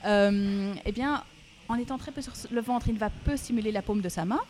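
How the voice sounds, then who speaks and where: A woman, a speech therapist explaining her work in a podcast interview, calm and hesitant with many fillers. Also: medium pitch, moderate pace, a little hiss or hum.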